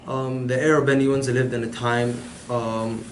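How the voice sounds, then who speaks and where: A student gives a prepared class presentation, pausing often and filling the gaps with "um." He speaks unhurriedly in a flat voice with little pitch variation, in an echoey room with a faint background hiss.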